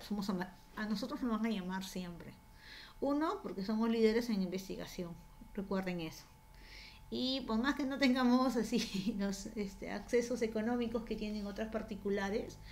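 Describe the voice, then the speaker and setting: A woman teaching a university writing class, explaining patiently in a conversational way and often tagging her sentences with a questioning "no?". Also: mid-range voice. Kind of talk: conversational online class lecture.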